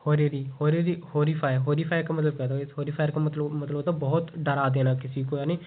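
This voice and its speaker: A man teaching exam vocabulary, explaining each word at length and reading the English examples slowly, often repeating a checking phrase. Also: a little high, steady tone. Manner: repeats "ठीक है" and "उसको क्या बोलते हैं?" often. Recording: tinny phone-like audio.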